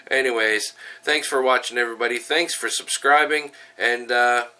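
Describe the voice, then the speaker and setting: Through a nose blocked by a head cold, a middle-aged man chats cheerfully in a home brewing vlog, mixing how-to with tasting and plenty of ums and uhs. His mid-range voice is sharp at a moderate pace, picked up by a distant mic in his home kitchen and then a small room.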